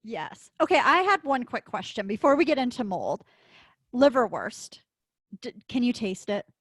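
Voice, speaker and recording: A woman's voice: fairly high pitch, big pitch swings, normal speed, breathy edge, no echo. A woman co-hosting a podcast, talking in an informal, chatty way. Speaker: podcast co-host. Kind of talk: casual podcast chat.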